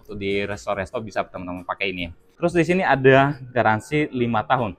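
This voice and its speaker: A man's voice: fairly low pitch, animated, fast talker. A man walks through a TV unboxing. He talks chattily and directly to his viewers as he handles the set. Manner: addresses viewers as teman-teman, chatty, explains while handling the product. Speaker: product reviewer. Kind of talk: casual unboxing review.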